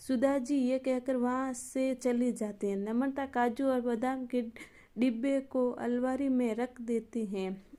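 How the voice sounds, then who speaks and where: A woman narrating a moral storybook tale in an even, unhurried scripted reading. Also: on the high side.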